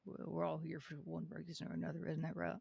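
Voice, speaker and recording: A man role-plays a young lawman in a game, earnest and folksy. His is heavily creaky and husky, sitting a bit high for a man. He speaks in a measured, hesitant way with little swing in pitch. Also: monotone, dry recording, lo-fi sound, exaggerated voice. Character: young Western lawman, son of a reformed outlaw, earnest. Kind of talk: improvised Western role-play.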